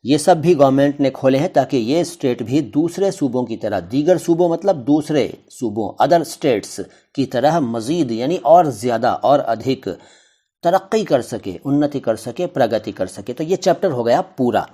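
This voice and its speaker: A man's voice: mid-range voice, expressive, warm tone. Man glossing a chapter word by word. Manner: reads a line, then glosses each word with synonyms; conversational, asks and answers his own questions. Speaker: teacher. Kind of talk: explaining a textbook chapter.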